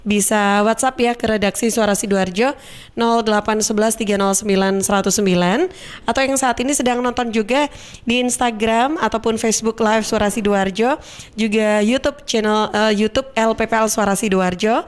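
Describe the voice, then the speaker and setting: A woman's voice: a little high, normal speed, clean tone. A woman hosting a casual radio talk show, chatty and inviting to listeners. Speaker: radio host.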